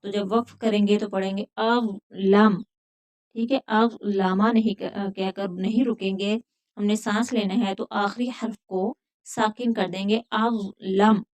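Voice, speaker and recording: A woman teaching a Quran recitation lesson, patiently explaining pronunciation rules step by step and repeating words slowly. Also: medium pitch, fairly even intonation, a little mellow. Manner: recites verses in a drawn-out chant.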